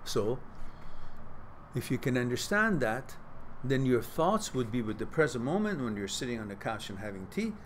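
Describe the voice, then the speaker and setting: A man's voice: mid-range voice, sing-song, normal speed, a little hiss or hum. A middle-aged man hosting a live question-and-answer stream, giving reflective advice and reading out viewers' messages. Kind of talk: casual live advice talk.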